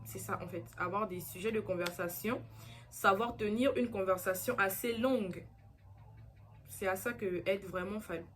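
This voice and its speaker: A young woman talks straight to the camera in a relaxed vlog. She is earnest and chatty, circles back on her points and fills pauses often. Her voice sits at an ordinary middle pitch. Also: background noise. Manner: chatty, earnest, repeats herself with many fillers. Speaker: vlogger. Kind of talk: casual chat to camera.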